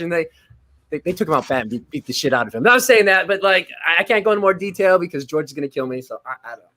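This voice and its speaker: A man doing a name-dropping founding father who rambles with stammers and restarts. His voice sits a bit high for a man. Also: a bit bright. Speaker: bachelor contestant. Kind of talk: improv game-show comedy.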